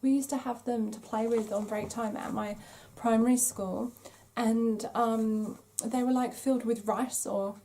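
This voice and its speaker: Hardly pausing, a woman with a fairly high, dark-toned voice talks a little slowly in a steady tone. She hosts a craft podcast and gushes enthusiastically in a casual chat as she shows off her finds, craft magazines among them.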